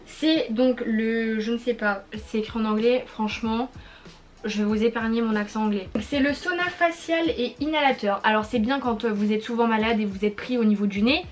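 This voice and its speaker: A woman's voice: fairly high pitch, normal speed. A young woman, chatting casually in a product review vlog, rambling with lots of fillers and restarts. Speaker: YouTuber.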